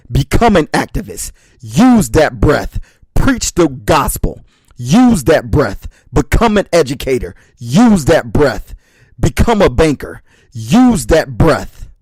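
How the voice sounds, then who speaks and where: A man's voice: medium pitch, a little mellow, no echo. A man giving a motivational speech, talking straight to his listeners as brothers and sisters and hammering home short repeated refrains. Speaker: motivational speaker.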